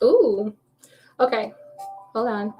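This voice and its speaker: A woman hosts a live tarot reading, chatting casually with viewers, laughing often, and talking to them as she shuffles cards. Her voice is a little high with lively intonation and a slow pace, with highs cut off and faint music behind.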